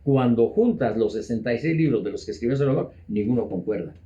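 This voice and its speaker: A man talking as an interview guest, explaining at a measured pace and often repeating words. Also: medium pitch, lively intonation, mellow, muffled recording. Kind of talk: conversational explaining.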